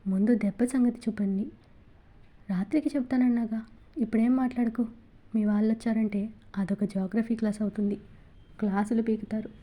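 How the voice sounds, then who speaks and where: A woman's voice: fairly high pitch, fairly even intonation, brisk, pauses often, warm tone, natural voice. A woman voicing a doting young wife who frets and scolds her husband. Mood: worried. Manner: anxious, scolding.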